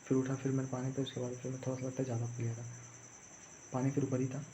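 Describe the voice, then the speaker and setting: A man's voice: medium pitch, monotone, rapid-fire, warm tone. A young man telling a story casually, in a rambling, repetitive way. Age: young adult. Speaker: vlogger recounting own exam day. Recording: muffled lo-fi audio, faint background noise.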